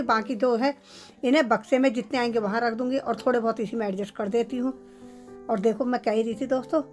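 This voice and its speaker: A woman's voice: a little high, darkish tone. Chatty middle-aged woman vlogging at home. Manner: chatty, addresses viewers directly. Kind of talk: casual home vlog narration.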